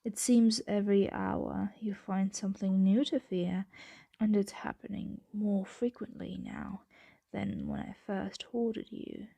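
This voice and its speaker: A woman speaks softly and deliberately, often in a whisper, as an affectionate, possessive dragon in an intimate ASMR roleplay. Her mid-range voice is gravelly and husky with fairly even intonation, recorded dry, and she sounds puzzled yet fond.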